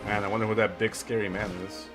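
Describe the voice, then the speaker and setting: Casting: male game streamer, fairly low voice, casual play-by-play chat over game music. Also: flat delivery, fast. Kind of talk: casual gameplay commentary.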